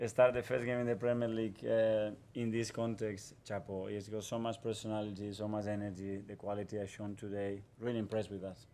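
A football manager in his forties speaks into a table microphone in a press room. His low voice stays flat and even. He gives measured, guarded answers and repeats his phrases. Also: slight background noise. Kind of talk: post-match press conference answers. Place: press conference room in front of a sponsor backdrop.

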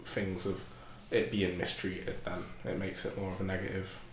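A twenty-year-old man answers interview questions slowly and uncertainly, in a low, flat voice. The room around him is echoey, with faint background noise. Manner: unsure, slow and drawn out. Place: indoor room, seated in armchair.

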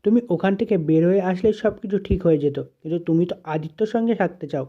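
A man's voice: high voice, fast talker, natural voice. A man voicing a cold, unforgiving young husband who speaks curtly and accusingly, in a dull lo-fi recording. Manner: curt, accusing.

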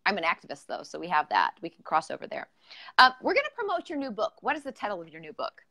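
A woman's voice: medium pitch, wildly swooping pitch, fast talker, bright, forceful tone. A woman hosting a casual live-streamed podcast interview, talking in a chatty, enthusiastic way. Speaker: podcast host.

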